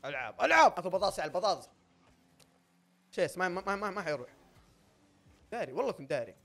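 A young man giving loud, excitable gameplay commentary, often shouting and laughing at his own plays. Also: sits high, very fast. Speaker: gaming YouTuber.

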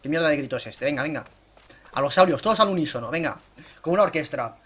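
A man's voice: fast, husky. A young man giving casual, self-mocking gameplay commentary into a desk microphone. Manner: chatty, self-mocking, bursts into excited high shouts. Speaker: gaming YouTuber.

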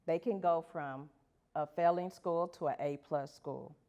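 A woman's voice: low voice, a little slow, warm tone, highs cut off. A woman teacher giving a prepared talk at an education event, earnest and putting rhetorical questions to the audience. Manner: reads from prepared pages. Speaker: elementary school teacher.

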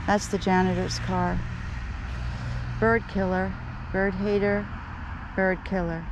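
A woman feeds wild birds on a roadside lawn and narrates a casual vlog in a mid-range voice with little pitch movement and a slow pace. Filmed on a handheld camera kept low, she chats with the birds and moans about locals over the sound of traffic and birds.

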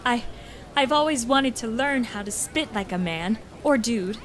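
A woman's voice: a little high, animated, measured pace, slight background noise. A woman playing a vain, attention-seeking young socialite in a comedy skit, petulant and dramatic. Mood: eager.

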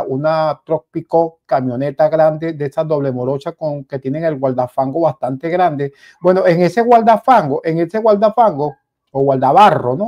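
Animated Venezuelan man commenting on news. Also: a little high. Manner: animated, repetitive, addresses viewers as "señores". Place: small indoor home studio. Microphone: headset.

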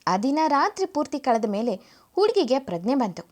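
A woman's voice: high-pitched, sing-song, normal speed, a little mellow. A woman narrating a serialized family story, reading plainly with small shifts of voice for the characters' lines. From India.

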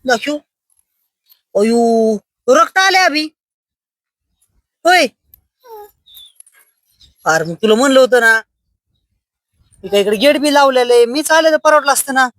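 Fussing woman, high voice. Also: normal speed, long pauses, a bit bright, no echo. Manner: coaxing, fussing and scolding a child. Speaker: vlogger. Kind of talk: casual family chat.

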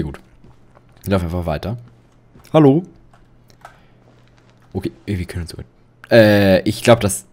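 A man's voice: sits low, darkish tone, husky. A young man commentating a horror game, jittery and rambling, joking and yelping when startled. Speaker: let's play commentator.

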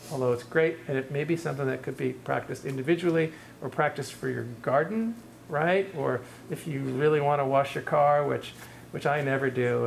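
A man's voice: mid-range voice, gravelly, slight background noise. A middle-aged man lecturing in a university classroom, answering audience questions in a thoughtful, hedging way with many restarts.

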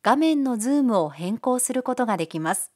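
A woman giving calm, polite, step-by-step narration for a software tutorial. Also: on the high side, a little fast. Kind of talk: scripted screencast narration.

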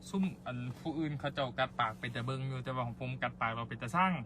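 A man's voice: mid-range voice, racing, background noise. A young man from central Thailand with an Isan accent, chatting playfully and politely as host of his own livestream. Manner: playful, jokey, polite ending particles. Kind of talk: casual livestream chat.

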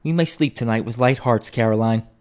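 A man's voice: mid-range voice, brisk, a little mellow, natural voice. A man voicing a relieved husband in debt in a storybook, speaking earnestly and emphatically to comfort his wife.

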